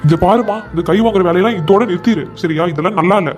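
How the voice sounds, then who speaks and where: A young cartoon husband, voiced by a man, firm and pleading by turns as he reasons with his mother. His voice sits high for a man, and he races through his lines at a breakneck pace. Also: quick pace, darkish tone, soft background music, natural voice. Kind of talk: comic cartoon voice acting.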